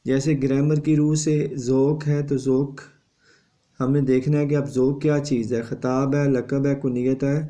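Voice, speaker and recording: A man teaches an exam revision lesson. His voice is mellow and dark, and his pitch stays flat as he lectures steadily. He adds a confirming tag after each point.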